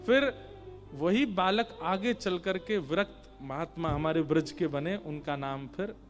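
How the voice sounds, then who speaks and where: A high-voiced man tells a devotional story as a preacher, voicing the figures with lively shifts. Now and then he slips into slow, sung lines. Soft music sits far under his talk. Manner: acts out the story's characters in raised, childlike voices. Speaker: Bhagavat katha preacher.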